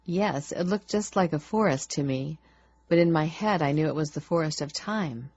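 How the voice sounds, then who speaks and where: Gentle steady man, read by a woman, low and slow, dull lo-fi sound. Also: slightly rough. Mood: tender.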